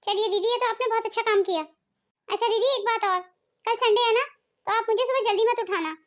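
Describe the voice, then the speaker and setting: A woman voicing a proud, demanding young daughter-in-law in a cartoon family drama, sharp and haughty. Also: very high voice, fairly even intonation, brisk.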